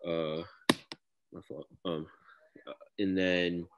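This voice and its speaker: A young adult rapper from Connecticut, interviewed as a guest, talks casually in a deep baritone, his loose, slangy speech packed with "like." His tone is level and he takes his time. The audio has its highs cut off and background noise.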